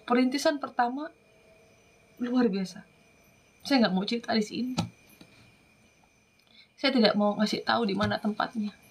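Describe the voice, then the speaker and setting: A woman from Madura, an evangelist, giving an earnest, emotional testimony that often drops into soft whispers. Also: fairly high pitch, moderate pace, gravelly, long pauses, breathy edge. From Madura, Indonesia.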